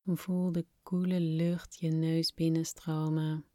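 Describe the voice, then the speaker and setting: Soft, slow, soothing woman guiding breathing. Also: low voice, little pitch movement, no room sound, clean studio sound. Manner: soft, soothing, unhurried instruction with long pauses. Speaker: breathing exercise guide. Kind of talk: guided relaxation exercise, scripted narration.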